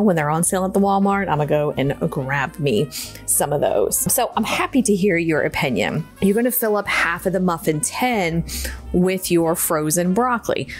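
Folksy woman dietitian, lowish voice, cooking demo host, faint music behind. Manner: chatty, folksy, playful asides. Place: home kitchen.

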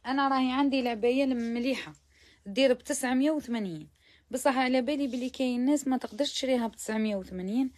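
A woman's voice: sits high, very fast, a little mellow, no room sound. A woman with an Algerian Arabic accent showing abayas to viewers in a chatty shop walkthrough, mixing in French words and sometimes dropping to a near whisper. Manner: chatty, mixes French words, praising each garment. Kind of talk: live shopping try-on walkthrough.

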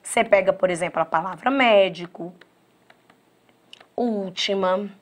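A woman teaching an online exam-prep grammar lesson in a lively, chatty way, talking straight to her students. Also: medium pitch, a little slow. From Brazil.

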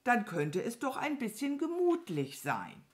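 Kind thoughtful storybook cow, as a woman reads her, earnest, lively pitch, slow. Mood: musing. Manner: earnest, musing. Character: gentle curious cow, thoughtful.

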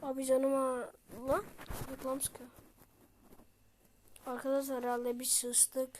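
A woman's voice: sits high, monotone, slow pace, a little mellow, slight background noise. A woman giving frustrated gameplay commentary, dramatic and exasperated, swinging between mutters and outbursts. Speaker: gaming video creator.

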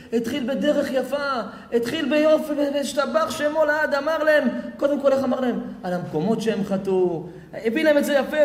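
A man giving a rabbinic sermon to a live audience, swinging between hushed, tender asides and loud, scolding outbursts. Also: very high-pitched. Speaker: rabbi giving a Torah lecture. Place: large hall with audience. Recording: echoey hall with long reverb.

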